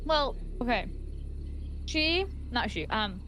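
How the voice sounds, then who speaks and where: A woman's voice: a little high, expressive, slow pace, a bit bright, slight background noise. A woman chatting casually as a player in a tabletop role-playing game.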